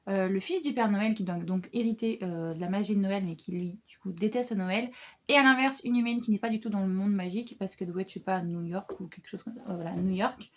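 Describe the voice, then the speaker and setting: A woman's voice: medium pitch, a little fast. A young woman chatting casually about her reading plans as a book vlogger, with many fillers and restarts. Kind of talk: casual book haul chat.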